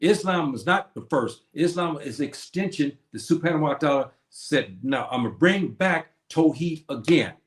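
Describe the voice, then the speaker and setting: With a slightly high, expressive voice, this man hosts a stream and lectures on history at a moderate pace, barely pausing, against a reverberant backdrop. He sounds preachy and answers his own questions.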